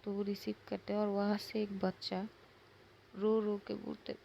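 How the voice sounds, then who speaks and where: A woman narrating a story in an unhurried, halting way, clearing her throat now and then. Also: mid-range voice, monotone, dark tone, dull audio, a little hiss or hum.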